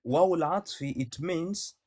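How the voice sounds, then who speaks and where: A man's voice: on the high side, measured pace, a loud crowd. A man from Tanzania, debating religion on a call, who talks insistently, repeats himself and recites Arabic verses. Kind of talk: heated debate.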